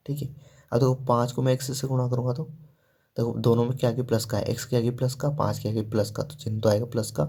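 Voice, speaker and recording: A man's voice: mid-range voice, vocal fry, mellow, husky. A man teaching a math lesson step by step, asking questions and answering them himself, with frequent "ठीक है" and "देखो".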